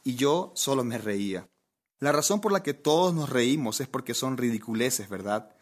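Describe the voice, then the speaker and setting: In this funny sermon, a man shares a lively anecdote and engages his listeners with questions. His voice is medium-pitched, at a normal pace.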